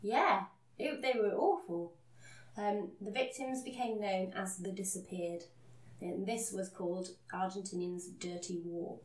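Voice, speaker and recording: A woman's voice: medium pitch, measured pace. A woman tells a story in an earnest, casual way and laughs at her own slips. Her voice carries a roomy echo. She sits a little back from the microphone. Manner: earnest, self-deprecating, laughs at herself. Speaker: podcast co-host. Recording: roomy, a bit distant from the mic.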